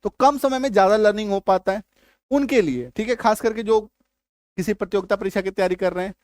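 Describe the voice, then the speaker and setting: A man with a notably high voice teaches English pronunciation on a video channel. He keeps checking that viewers follow along and punches out key sounds loudly before easing back. The recording is close and dry, with no room sound. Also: fast talker, no echo. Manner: repeats "ठीक है?" and "है ना?" to check understanding; stresses key sounds loudly, then drops back to conversational. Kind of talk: YouTube English lesson.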